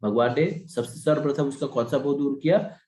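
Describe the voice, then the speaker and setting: A man's voice: mid-range voice, fairly quick, reverberant. A man giving a devotional scripture class, asking questions and answering them himself. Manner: animated, asks and answers own questions. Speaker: Gita teacher.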